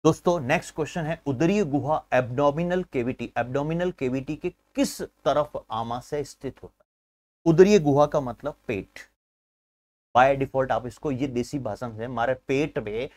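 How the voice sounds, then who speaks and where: Energetic coaching teacher, dry sound. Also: male voice, mid-range voice, unhurried, dry recording. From India. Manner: energetic, uses memory tricks and asks himself questions; keeps addressing viewers as friends. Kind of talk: live online exam-prep class.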